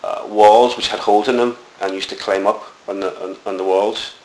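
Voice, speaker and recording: An echoey room with a faint hiss frames this oral history interview with a deep-voiced, middle-aged Belfast man from Northern Ireland. His intonation is fairly even, his pace normal and his tone darkish. He recalls his childhood in a reflective, rambling manner with lots of fillers.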